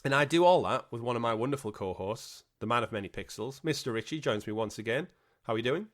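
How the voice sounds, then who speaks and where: A man hosting a gaming podcast with energetic, jokey patter, a bit congested from a cold. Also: mid-range voice, quick pace. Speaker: podcast host. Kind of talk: upbeat podcast presenting.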